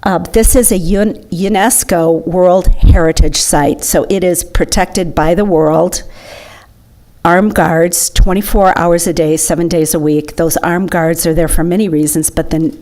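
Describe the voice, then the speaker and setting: A woman's voice: lowish voice, darkish tone. A woman giving an enthusiastic, chatty slideshow talk to an audience. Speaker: presenter.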